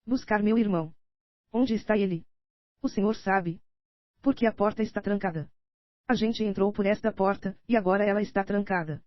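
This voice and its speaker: A Brazilian woman voicing a frightened, desperate young woman in an audiobook, in her own steady reading voice, dry and a little dull. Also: medium pitch, moderate pace, dry recording, natural voice. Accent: Brazilian Portuguese.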